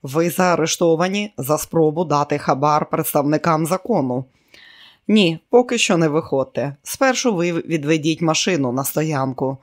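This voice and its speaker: A man's voice: on the high side, animated, moderate pace, close to an everyday voice. A man reading an audiobook and voicing a commanding male border captain with a dry, firm delivery.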